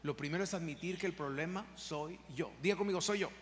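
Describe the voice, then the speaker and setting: Here a man's fairly high, fairly bright voice moves quickly as he preaches an impassioned sermon to the congregation before him. It was captured in a church sanctuary with long large-hall reverb and a little background noise.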